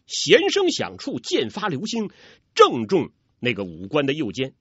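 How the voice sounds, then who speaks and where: Lively, dramatic male storyteller. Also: fairly high pitch, measured pace, husky, no echo. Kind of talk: traditional storytelling narration. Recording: dull, dry recording.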